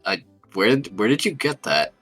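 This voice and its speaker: A man's voice: medium pitch, measured pace, gravelly, a bit bright, slightly rough. A man speaking casually in tabletop role-play, bantering and narrating in character, with music playing behind him. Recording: background music.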